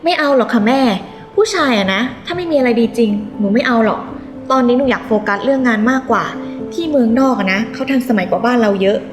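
Actress as snobby spoiled heiress; high, animated, quick, in an echoey room. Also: female voice, close to an everyday voice. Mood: playful. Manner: haughty, scornful, snappy. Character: spoiled rich young woman, arrogant, foreign-educated. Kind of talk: short drama acting. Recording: echoey room with music behind.

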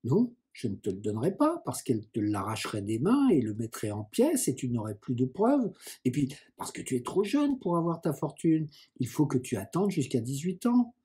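A man's voice: mid-range voice, wildly swooping pitch, moderate pace, warm tone, husky, exaggerated voice. A man reading the lines of a devoted, protective older sister in an audiobook, tender and earnest.

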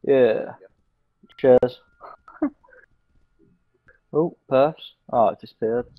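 Male gaming sidekick, mid-pitched and animated, dull voice-chat sound with game music behind. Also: extremely slow, no room sound. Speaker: gaming co-commentator. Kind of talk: casual chat while playing.

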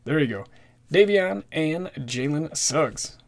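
A man's voice: on the high side, slow pace, creaky. Chatty man ripping card packs. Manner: chatty, rattles off player names, excited at good pulls. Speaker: card-collecting YouTuber. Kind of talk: casual pack-opening commentary. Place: indoors at a desk with a card display backdrop.

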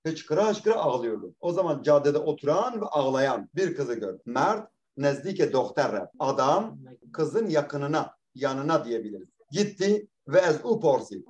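A man's voice: a little high, very animated, measured pace, hardly any pauses, a little mellow. A man teaching a language class, reading a text aloud and translating it line by line, often repeating words and asking questions that he answers himself. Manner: explains patiently, repeats words, asks questions and answers them.

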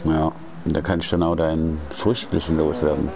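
This sim racing streamer, a man in his late forties with a very deep voice, talks briskly and at length from his home. His chat is relaxed and rambling, peppered with slang and restarts, and the racing game's engines roar loudly in the background.

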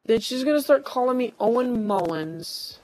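A man's voice: extremely high pitch, expressive, normal speed, a crowd in the background, poor audio. A guy in a casual chat, playfully protesting and acting mock-annoyed at being teased. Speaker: co-host.

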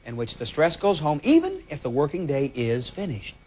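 A man hosting a game show, teasing and joking with contestants over a loud studio audience. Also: a little high, wildly swooping pitch, normal speed, slightly rough. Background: loud studio crowd.

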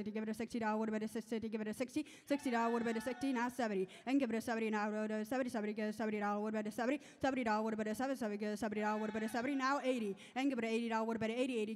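Very fast young female auctioneer chanting. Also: fairly high pitch, slight background noise. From Iowa, United States. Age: young adult. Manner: rolling chant of repeated numbers and filler phrases. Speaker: auctioneer contestant. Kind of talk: auctioneer chant, rapid rhythmic bid calling. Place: large indoor stage at a competition. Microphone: handheld microphone. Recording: reverberant hall sound over PA.

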